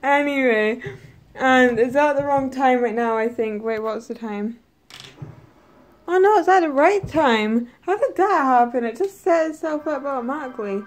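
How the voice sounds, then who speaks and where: A woman, talking casually to the camera in a vlog, excitable and gushing. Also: sits high, normal speed. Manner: excitable, gushing, with gasps and laughter. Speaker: vlogger.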